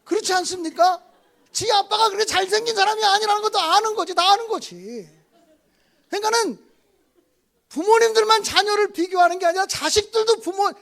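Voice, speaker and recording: Very high-voiced pastor guy, 50s, preaching, acts out family chats, loud then quiet. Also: creaky. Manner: storytelling with swings from loud outbursts to soft asides. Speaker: guest pastor. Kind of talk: revival sermon.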